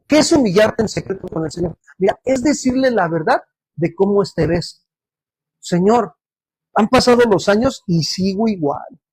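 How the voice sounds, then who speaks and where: A man's voice: high-pitched, darkish tone, husky, no echo. A man preaching a sermon as pastor, often putting questions to the congregation for them to answer. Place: church service.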